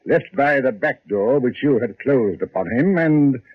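A shrewd, measured police inspector in an old radio drama, his voice rising and falling with lively pitch. He questions suspects with dry irony. The sound is thin and tinny, like an old broadcast. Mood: probing. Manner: measured, dryly ironic questioning. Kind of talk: 1950s radio drama acting.

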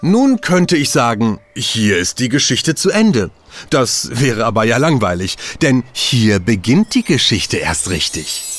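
A man narrates a children's audio story and talks straight to the young listener. His delivery is playful and swings widely in pitch, with soft music underneath. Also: big pitch swings, unhurried. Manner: addresses the listener directly, playful.

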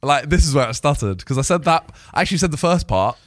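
A man's voice: a little high, lively intonation, fast, no echo, clean studio sound. A young man co-hosting a podcast, chatting casually, laughing often and acting out quoted dialogue. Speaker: podcast co-host. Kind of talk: casual chat.

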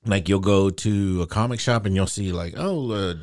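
Low-voiced man co-hosting a comics podcast. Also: moderate pace, darkish tone, dry recording, studio quality. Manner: easygoing, explains details at length. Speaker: podcast co-host. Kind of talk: casual chat.

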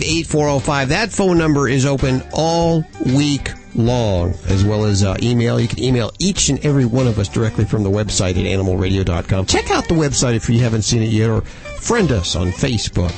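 A man's voice: mid-range voice, expressive, a little fast, darkish tone. A man hosting a radio show in a casual, conversational style, handling plugs and the sign-off. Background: music.

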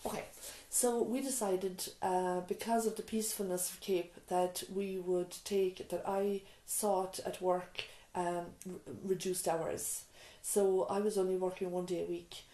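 This fairly low, level-toned voice belongs to a middle-aged Irish nurse and mother giving reflective interview answers. She talks a little slowly with hardly any pauses, warmly telling her story with repeated restarts, asides and "you know", in an echoey small room at an island nurse's surgery.

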